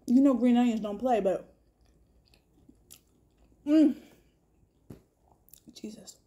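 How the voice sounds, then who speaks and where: A woman reviewing food on camera, talking excitedly with her mouth full of food. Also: on the high side, slow pace, dull audio. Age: adult with a son. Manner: excited, exclamatory. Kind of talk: casual food review vlog.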